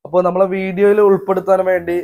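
A man's voice: high voice, little pitch movement, fast talker, no room sound, narrow, tinny audio. A man doing casual vlog narration outdoors behind a house, chatty and talking straight to viewers with teasing asides. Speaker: family vlogger cooking.

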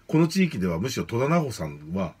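Fast, lively man, low voice, hesitant. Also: breathy edge. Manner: soft-spoken, hesitant with fillers. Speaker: film director guest. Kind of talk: casual radio interview. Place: radio studio.

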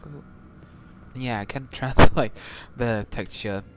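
A young Swedish-speaking gamer records let's play commentary on a headset mic, muttering slowly as he reacts to a horror game. His voice is medium-pitched, and the recording is very noisy.

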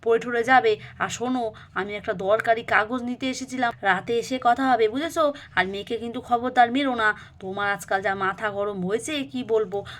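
A woman's voice: a little high, normal speed, fairly bright tone, close to an everyday voice. A woman voicing a weary husband in a doll story, who alternates between scolding and placating his wife. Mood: grumbling.

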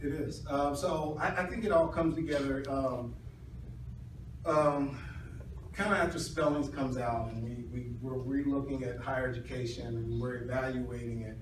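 A middle-aged man defends his research in a hedging, halting way, restarting phrases as he explains. He is recorded from across an echoey classroom, with clear background noise. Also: medium pitch, fairly even intonation. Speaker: doctoral candidate defending his dissertation. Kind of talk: academic oral defense, answering questions. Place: small university classroom, indoors. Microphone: distant camera or phone across the room. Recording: echoey room, distant mic, noisy.

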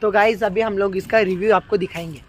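Walking through an outdoor city park with his phone in hand, a teenage or young man vlogs in a high-pitched, steady voice at a quick pace. He chats casually, blends English words into his Hindi, and keeps saying "guys" to his viewers.

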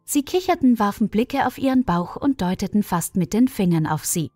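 Woman reading a story aloud, lively up-and-down voice, dry sound, faint music behind. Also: mid-range voice, normal speed, dry recording. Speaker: narrator. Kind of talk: scripted narration.

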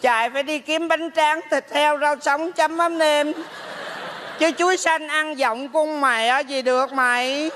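A man voicing a nagging old mother's ghost in a stage comedy sketch, scolding slowly. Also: very high voice, steady tone, bright, forceful tone, slight background noise, full character voice. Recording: stage hall with long reverb.

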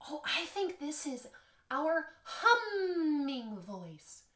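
A woman's voice: sits high, very animated, very slow, fairly bright tone. A woman in her thirties, a music teacher leading a children's lesson from home with a playful, sing-song manner. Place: living room at home. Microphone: camera across the room. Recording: echoey living room.

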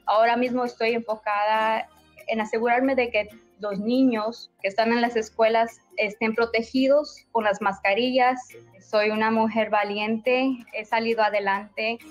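A woman from Guatemala tells her own story in a public service ad, earnest and steady. The sound is slightly dull and lo-fi, with soft music underneath. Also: on the high side, unhurried. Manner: earnest, personal testimony.

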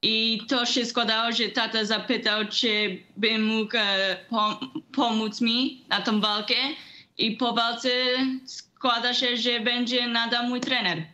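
A woman's voice: fairly high pitch, little pitch movement, slow, sharp tone. A teenage female boxer from Canada speaking in short, simple sentences with small grammar slips, on a video call from home. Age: teens. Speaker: young boxer. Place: indoor room at home.

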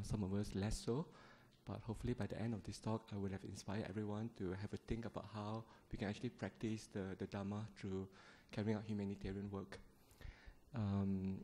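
A man in his thirties from Malaysia, giving a gentle, conversational Buddhist talk to a seated group, speaking into a handheld microphone in a temple hall. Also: on the low side. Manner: gentle, conversational, with frequent fillers and small laughs. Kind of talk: Dharma talk to a seated audience. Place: temple hall, indoors, seated on the floor before a shrine.

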